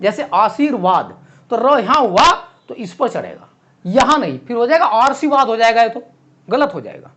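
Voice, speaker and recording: This teacher's voice is unusually high and lively, his pitch leaping widely from word to word. Leading a classroom lesson for exam students, he writes on the board as he speaks and says key words slowly and distinctly.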